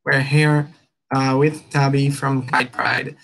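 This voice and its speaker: A man's voice: medium pitch, little pitch movement, slow pace, fairly bright tone. A man hosting a live stream interview over a video call, hesitant and full of fillers. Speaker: host.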